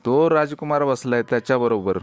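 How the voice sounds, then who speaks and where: A man's voice: medium pitch, fairly quick, smooth, no room sound, lightly acted. A man voicing a bold, devoted village girl. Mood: pleading. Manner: pleading, insistent.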